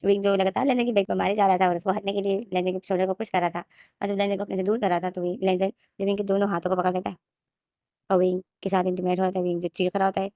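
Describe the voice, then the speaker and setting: Fast-talking woman narrating a fan story. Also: mid-range voice, little pitch movement, warm tone, no room sound, clean studio sound. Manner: rapid and run-on, with many restarts.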